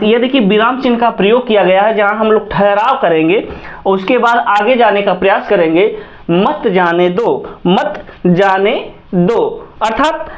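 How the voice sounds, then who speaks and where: A man teaching a grammar lesson, who repeats each sentence slowly and mixes English words into his explanations. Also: sits high.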